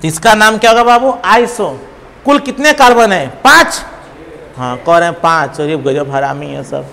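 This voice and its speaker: High-voiced teasing teacher, echoing hall. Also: male voice, normal speed, creaky, sharp tone. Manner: teasing, calls students babu, counts aloud, quizzes class. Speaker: chemistry teacher. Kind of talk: classroom lecture. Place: classroom. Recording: long hall reverb, faint room noise.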